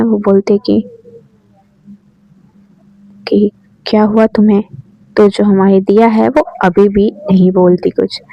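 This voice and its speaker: A woman's voice: mid-range voice, gravelly, no room sound. A woman casually retelling a romance story in a chatty, repetitive way, on a dull, dry lo-fi recording.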